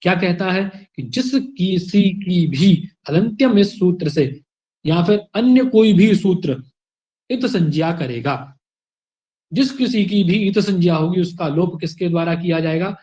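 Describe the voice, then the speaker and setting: A man's voice: high-pitched, a little slow, mellow, highs cut off. A man teaching a Sanskrit grammar class online, explaining step by step and answering his own questions. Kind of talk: online exam-prep lecture.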